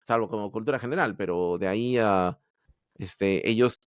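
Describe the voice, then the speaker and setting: A Peruvian Android developer, guesting on a podcast, tells his story in a casual interview, candid and hesitant and full of restarts. His voice sits on the low side at a moderate pace, with a clean tone. The studio recording is clean, with no echo.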